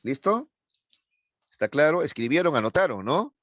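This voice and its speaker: A man's voice: fairly high pitch, very animated, normal speed, lo-fi sound, slight background noise. A male teacher giving a classroom lecture, explaining step by step and often checking that students follow. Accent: Peruvian Spanish. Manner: explains with frequent checks for understanding.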